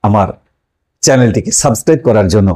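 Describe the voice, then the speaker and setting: A man's voice: fairly low pitch, lively intonation, fast, darkish tone. A male teacher explaining a language lesson. He asks questions and then answers them himself, stresses key words and addresses the viewers as friends.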